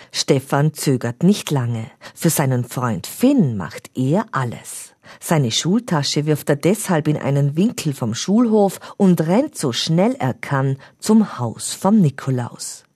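A woman narrates a children's story in an expressive way, in a low voice that moves a lot in pitch. She reads slowly with a husky grain. The recording is dry and close. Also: no room sound. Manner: expressive, does character voices.

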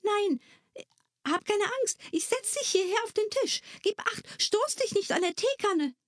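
Woman doing a gentle coaxing little girl. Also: very high-pitched, lively intonation, unhurried, dry recording, clean studio sound, voice pushed up. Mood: soothing. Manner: soft, soothing, coaxing. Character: kind caring young girl.

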